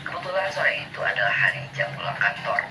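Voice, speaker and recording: A man with a lowish voice narrates a first-person travel story for a played video, talking fast but in an even, formal read-aloud manner. His voice sounds distant, with music playing behind it.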